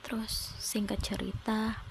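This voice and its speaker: A woman in her twenties from South Sumatra, telling a personal story in a soft, reflective and slightly hesitant way. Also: medium pitch, level tone, a little slow, vocal fry, whispered. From South Sumatra, Indonesia. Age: 20s. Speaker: vlogger.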